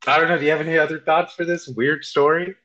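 A man's voice: on the high side, steady tone, fast, bright, forceful tone, dull audio. A man co-hosting a casual podcast chat, laughing easily and choosing his words carefully. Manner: laughs while telling stories, hedges his wording. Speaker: podcast co-host.

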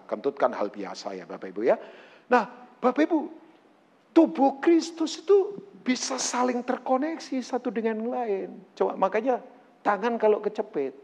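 A man preaching a sermon to his congregation, animated and joking, acting out quotes. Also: sits high, in a large hall. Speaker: pastor. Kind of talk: lively sermon.

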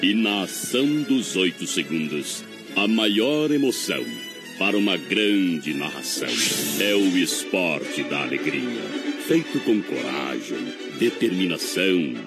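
Deep, dramatic Brazilian rodeo announcer man. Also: expressive. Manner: dramatic, drawn-out hype. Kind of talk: hyped rodeo announcer delivery, scripted radio imaging. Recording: loud music bed under the voice. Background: loud music.

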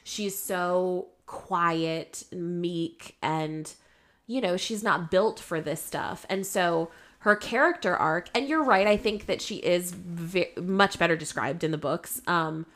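A woman's voice: fairly low pitch, slow pace, fairly bright tone. A woman co-hosting a podcast, chatting casually and animatedly, with many fillers and asides. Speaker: podcast co-host. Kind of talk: casual chat.

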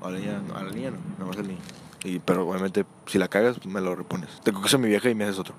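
A man's voice: sits low, steady tone, fast, noisy background. A young man with a Mexican accent telling crude, slangy stories in casual chat, acting out the voices of people in them. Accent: Mexican Spanish.

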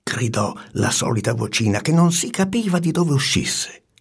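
A man with a raspy, gravelly voice reading a storybook aloud in an expressive, animated way. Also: medium pitch, moderate pace. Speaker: narrator.

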